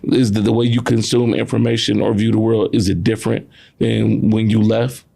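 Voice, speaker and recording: A man hosts an interview in a low, gravelly voice. He builds his questions in measured, plain steps. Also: level tone, warm tone. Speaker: host.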